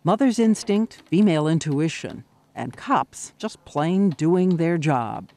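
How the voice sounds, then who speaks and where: A man's voice: a little high, expressive, slow pace, a little mellow. A man giving scripted documentary narration with a dramatic, emphatic delivery. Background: music.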